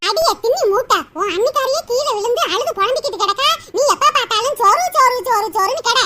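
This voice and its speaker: A woman's voice: very high voice, animated, fast talker, sharp tone, distant mic, full character voice. A woman voicing a fussy, fretting mother-in-law, wailing and scolding in turn. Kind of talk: cartoon comedy voice acting.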